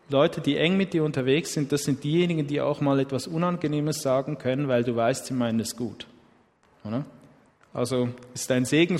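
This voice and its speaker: A man's voice: a little high, darkish tone. Man preaching in an echoing hall. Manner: conversational, often asks "oder?". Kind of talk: sermon. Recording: long hall reverb.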